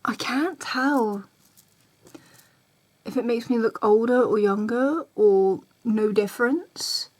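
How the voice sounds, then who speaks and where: A slightly high, slightly mellow voice at a slow pace belongs to a woman in her 20s ranting casually in a vlog. Talking directly to camera, she rambles chattily, repeats herself and voices other people's reactions.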